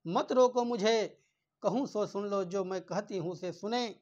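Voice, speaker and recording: A remorseful queen mother pleads in the first person with her son for forgiveness, voiced by a male teacher. She speaks slowly and with feeling. The recording is dull and lo-fi. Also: sits high, a little mellow. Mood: pleading. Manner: impassioned first-person retelling.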